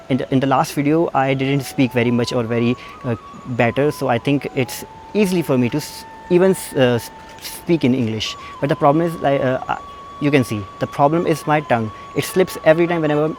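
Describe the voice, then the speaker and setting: A young man speaks English in a self-made American-style accent, very slowly and carefully, halting over his words. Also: mid-range voice, a little hiss or hum.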